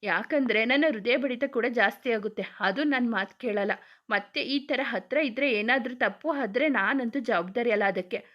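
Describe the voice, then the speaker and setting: A woman's voice: on the high side, normal speed, dull audio. A woman narrating a romance story, voicing every character herself with emotional, chatty delivery. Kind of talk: dramatic romance story reading.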